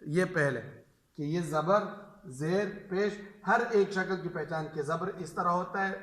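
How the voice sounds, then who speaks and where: A man's voice: sits high, a bit bright. A man teaching a beginner's Quran reading lesson, explaining step by step and drilling each point by asking a question and answering it himself. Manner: repetitive call-and-response drilling, answering his own questions. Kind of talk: instructional lesson for teachers and parents. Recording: echoey room.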